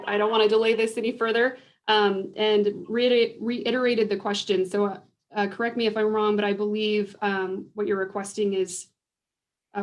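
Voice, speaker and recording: A woman presenting a program update to a board over a video call, measured and pausing often with ums. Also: medium pitch. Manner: measured, with frequent ums and restarts. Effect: heard over a video call. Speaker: state agriculture program staff. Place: remote, joining a video conference.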